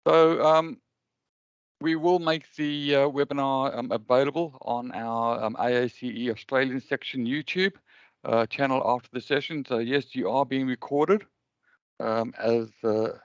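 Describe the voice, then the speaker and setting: A South African man opens an online webinar in a smooth, resonant voice, stopping often to fill gaps with ums and uhs. The sound is dry and a little muffled, like audio from a video call. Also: medium pitch, steady tone, unhurried, no room sound. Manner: hesitant, many ums and uhs. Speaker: webinar host.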